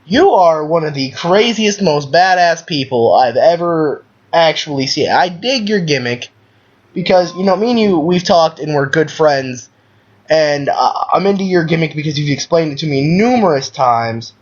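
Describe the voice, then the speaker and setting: A man hosting a casual call-in chat, his pitch sitting a little high and bouncing around a lot. He rambles as he questions his guests. The sound is dull and lo-fi, like a video call. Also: lively intonation, moderate pace. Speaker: host. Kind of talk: casual online radio chat. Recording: lo-fi call audio.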